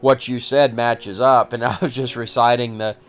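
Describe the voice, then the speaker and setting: A man hosting a podcast, telling his own story in a casual, halting way with many restarts. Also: medium pitch, flat delivery, soft background music. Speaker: podcast host recounting personal story. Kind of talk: casual first-person storytelling.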